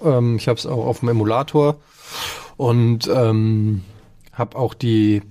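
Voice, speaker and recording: A man's voice: medium pitch, steady tone, slow pace, mellow. A man chatting casually as a panellist in a video game discussion. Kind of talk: casual chat.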